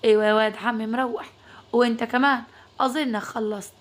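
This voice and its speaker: A woman's voice: fairly high pitch, fairly even intonation, fairly quick, close to an everyday voice. A woman voicing a protective young male doctor with an Upper Egyptian accent, firm and caringly insistent.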